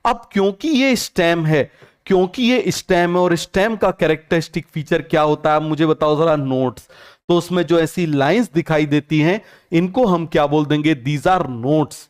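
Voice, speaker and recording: A young man teaches biology online in a slightly high, clean voice at a moderate pace. Throughout the lecture he mixes English terms into Hindi, repeats each one several times, and fields his own questions.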